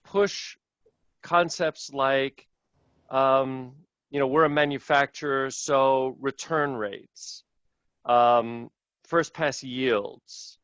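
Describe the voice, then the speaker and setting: A man's voice: mid-range voice, a bit bright, dry recording, highs cut off. A man who runs a manufacturing business answers webinar questions conversationally, thinking aloud as he talks. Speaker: panelist, manufacturing business owner.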